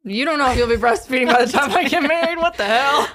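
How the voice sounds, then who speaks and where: A woman's voice: sits high, expressive, quick pace, fairly bright tone, no room sound. A woman in her twenties co-hosting a podcast, chatting casually and filling her talk with "like". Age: 20s. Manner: chatty, fills with "like" often. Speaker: podcast co-host.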